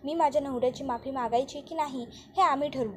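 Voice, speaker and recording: A woman's voice: high-pitched, quick pace, a little hiss or hum, natural voice. A woman narrator voicing a young wife who firmly tells her sister to stay out of her marriage. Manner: firm, dismissive.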